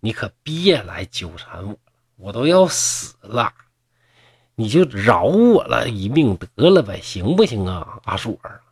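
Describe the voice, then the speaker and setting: A man's voice: lowish voice, big pitch swings, measured pace, slightly rough, full character voice. A man voicing a frightened, wasting young male scholar who pleads in a half-whisper. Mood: weary pleading.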